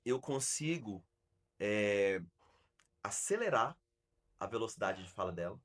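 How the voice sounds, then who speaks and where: A man's voice: lowish voice, expressive, unhurried. A man with a Brazilian Portuguese accent, hosting a podcast as an arts school founder, telling stories emphatically with frequent restarts. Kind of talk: casual podcast chat.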